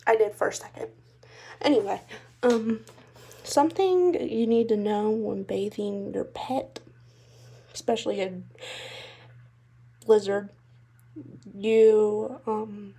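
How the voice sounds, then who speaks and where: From her messy bedroom, a young woman chats casually in a pet vlog, sounding a bit out of breath and unwell as she rambles with lots of fillers. Her voice is mid-range, mellow and slightly rough.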